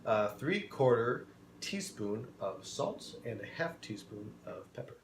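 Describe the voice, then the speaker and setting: A man co-hosting a cooking show in a kitchen, playfully pitching the dish while listing ingredients in casual chat. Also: big pitch swings, a little slow, gravelly, background noise. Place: kitchen studio. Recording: echoey kitchen room.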